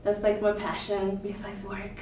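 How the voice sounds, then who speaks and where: A woman's voice: mid-range voice, moderate pace, reverberant, a little hiss or hum. Woman from Peru, chatty, distant mic. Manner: lively storyteller, many "like" fillers. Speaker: guest. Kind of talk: casual chat. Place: outdoors on a windy day.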